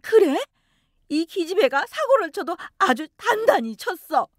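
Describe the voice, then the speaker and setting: A woman voicing an older mother-in-law who scolds and wails in a shrill, high voice. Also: big pitch swings, unhurried, dry recording, studio quality, heavily acted. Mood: wailing.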